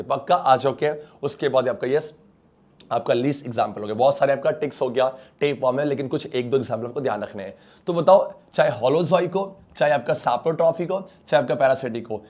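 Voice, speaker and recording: An Indian male teacher giving an online science lecture. He coaxes his students along with quick questions, then answers them himself. His delivery keeps slipping English technical terms into his speech. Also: mid-range voice, a little mellow. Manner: coaxing, calls students beta and bachcha, mixes English terms.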